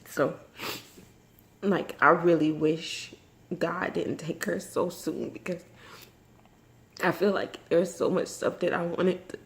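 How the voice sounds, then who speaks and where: A woman vlogging in a personal, confessional way, emotional and tearful after crying, speaking haltingly and reflectively. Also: lowish voice, fairly even intonation. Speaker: vlogger and mother. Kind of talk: personal, confessional vlog talk.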